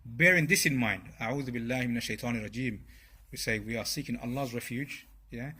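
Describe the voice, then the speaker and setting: A man's voice: medium pitch, bright, forceful tone, breathy edge. A man giving an informal religious talk to a group, speaking conversationally and often checking in with his listeners. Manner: conversational, checks in with "yeah?" and "right?". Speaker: speaker at a religious study circle.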